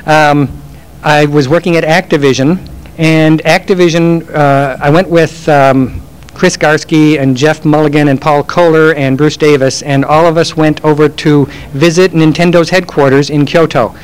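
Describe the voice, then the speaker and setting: A man's voice: fairly high pitch, steady tone, moderate pace, smooth, poor audio. A man telling rambling, self-deprecating stories while taking audience questions at a live event. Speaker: game industry speaker. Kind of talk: live Q&A storytelling.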